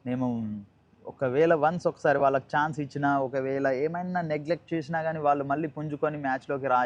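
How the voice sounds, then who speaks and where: A man's voice: a little high, muffled recording. A man with a Telangana Telugu accent giving live cricket commentary, repeating and rephrasing himself and mixing in English cricket terms.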